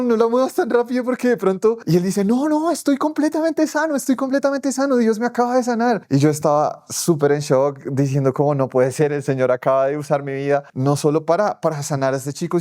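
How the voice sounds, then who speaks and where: A young man shares a faith testimony in an earnest, storytelling way, his voice sitting at an ordinary middle pitch. He often acts out his own past words as he recounts them. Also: a little mellow. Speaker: testimony speaker.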